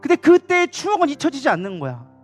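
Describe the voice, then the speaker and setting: A man's voice: very high voice, wildly swooping pitch, fast, soft background music. A male pastor preaching a sermon to his church in a passionate, conversational way. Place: church sanctuary during a Wednesday evening service.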